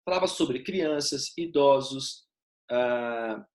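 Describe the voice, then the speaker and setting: A man's voice: mid-range voice, takes it slowly. A man teaching essay writing in a live online class with a Brazilian Portuguese accent, explaining step by step and asking his students questions.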